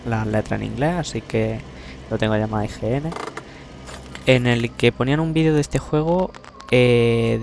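Loud game music and background noise surround this gravelly, mid-range voice. The young gameplay commentator from Spain keeps up a casual, self-mocking let's-play chat, tossing in offhand swearing.

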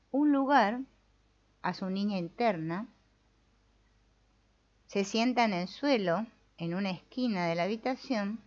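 A woman, calmly reading out and explaining a therapy case, often adding little tag questions as she goes. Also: mid-range voice. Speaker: spiritual self-help video host. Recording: dull lo-fi recording.

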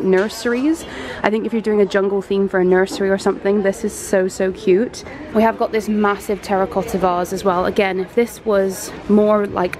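A young British woman narrates a shopping trip in casual, bargain-hunting chatter. Her voice has a gravelly, fry-tinged edge. She was recorded on a handheld camera in a large store, with clear background noise throughout. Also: medium pitch. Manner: chatty, enthusiastic about bargains. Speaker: home shopping vlogger. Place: large indoor homeware store. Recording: noisy store ambience.

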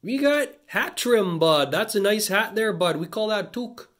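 A man's voice: lively intonation, moderate pace, a bit bright. A man putting on a folksy Canadian "bud" voice. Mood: jokey. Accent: Canadian (put on). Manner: bouncy, pitched up, folksy. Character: jokey exaggerated Canadian guy calling people bud.

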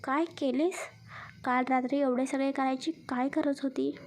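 A woman's voice: high-pitched, fairly even intonation, moderate pace, a little hiss or hum. A woman voicing a short-tempered but protective young newlywed man in a spoken story. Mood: brusque. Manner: curt, scolding.

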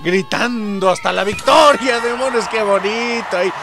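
A young man commentating a video game, shouting, laughing and swearing as he plays. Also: high-pitched, moderate pace. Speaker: gaming youtuber. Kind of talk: excited gameplay commentary. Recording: game music behind the voice.

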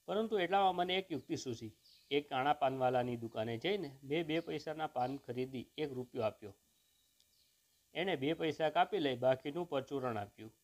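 A man reading a humorous short story aloud in a measured, expressive first-person narration. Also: mid-range voice.

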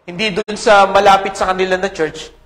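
A male pastor preaches and prays in a fairly high voice. He often breaks in with tag questions and hesitant fillers. The roomy echo of a church sanctuary carries his words. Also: little pitch movement, normal speed, a bit bright. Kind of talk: sermon with prayer and scripture reading.

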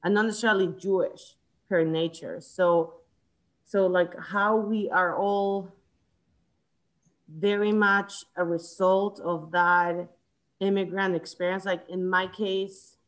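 Woman, thirties, lowish voice, from Chile, book club leader, thinking aloud, video call. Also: steady tone, slow pace, low-quality recording. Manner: thoughtful, restarts often, gestures while talking. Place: home room, indoors. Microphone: video call webcam.

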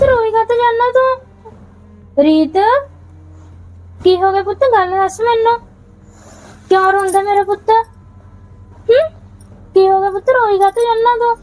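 A woman playing a caring mother who gently coaxes and consoles her daughter in an amateur short film, repeating endearments. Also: high-pitched, lightly acted. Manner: soothing, coaxing, repeats endearments. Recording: dull lo-fi sound, faint music.

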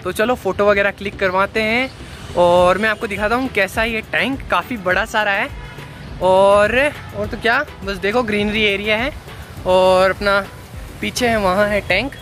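This young adult vlogger has a high, slightly bright voice at normal speed as he strolls city streets and a market, casually addressing viewers and frequently dropping "guys" and "chalo." The sound comes from a phone held at arm's length outdoors, with background music beneath it.

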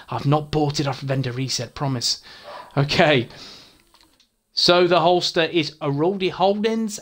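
A man's voice: a little high, fairly bright tone. A young man, a gaming channel host, eagerly walking through his game character's gear with casual swearing and frequent stumbles over words. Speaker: gaming YouTuber. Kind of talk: game build walkthrough.

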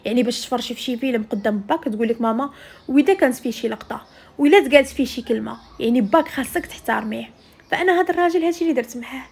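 A woman's voice: on the high side, rapid-fire, breathy edge. A woman with a Moroccan accent telling a personal story in the first person, conversationally, speaking straight to her female listeners.

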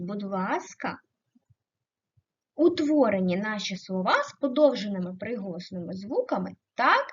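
A woman teaching a primary school class, speaking slowly and clearly, stretching out example words, asking the class questions and praising the answers. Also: medium pitch, lo-fi sound. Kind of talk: recorded online lesson.

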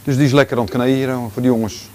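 A man in his forties with a Rotterdam Dutch accent, giving a relaxed walking tour of his large indoor gym, talking casually with lots of fillers and restarts. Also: mid-range voice, rapid-fire, slight background noise. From Netherlands. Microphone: handheld camera following him.

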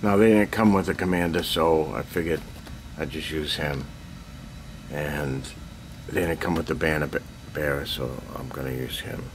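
With an extremely low, fairly even voice at a moderate pace, an older man gives a rambling, self-deprecating update showing off his miniatures. It's shot on a handheld camera in a cluttered basement hobby room with a noisy background, and he clears his throat frequently.

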